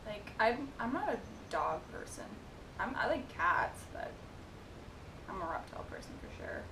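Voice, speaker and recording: A woman's voice: sing-song, moderate pace. Young woman reading viewer questions, echoey room. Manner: chatty, reads questions aloud, giggly asides. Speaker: vlogger answering viewer questions. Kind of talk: casual Q&A chat. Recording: echoey room with noisy rumble.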